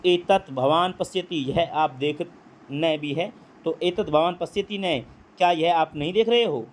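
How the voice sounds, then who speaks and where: Man teaching Sanskrit line by line. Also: fairly high pitch. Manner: reads Sanskrit slowly, then explains in Hindi. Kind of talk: line-by-line translation lesson.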